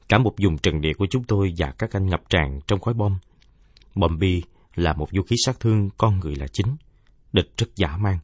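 A man reads a first-person war story in a somber, measured way. His voice sits low and husky, and the recording is dry and close with no room around it. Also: no echo. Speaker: narrator.

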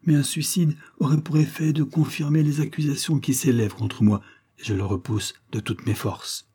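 Young woman wrongly accused, read by a man, strained, defiant, dark husky tone. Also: medium pitch, steady tone, moderate pace, voice pushed up. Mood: wounded defiance.

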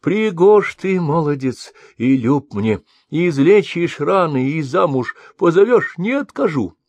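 Brief: lamenting maiden, high lilting voice, plaintive, put on by a male narrator. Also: big pitch swings, slow pace, no echo. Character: proud lamenting young maiden.

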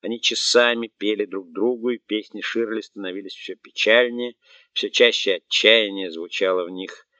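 A man narrating an audiobook in a steady, even reading. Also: on the low side, normal speed, no room sound. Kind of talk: scripted narration. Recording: dry, dull, muffled recording.

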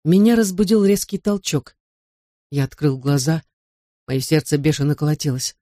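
Mellow-voiced male audiobook narrator. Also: on the high side, expressive, normal speed, no room sound, studio quality. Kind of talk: first-person audiobook narration.

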